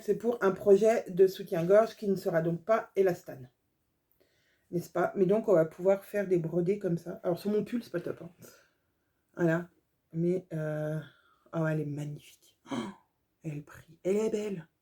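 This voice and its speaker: A woman's voice: fairly low pitch, fairly even intonation, moderate pace, warm tone. A woman sewing vlogger chatting casually through a haul video, gushing over small details with lots of fillers.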